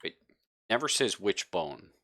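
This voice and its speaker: This horror tabletop game master, whose voice is deep but bright and forward, narrates off the cuff with animation at a measured pace. He's chatty and emphatic, frequently rephrasing to explain, with no room sound.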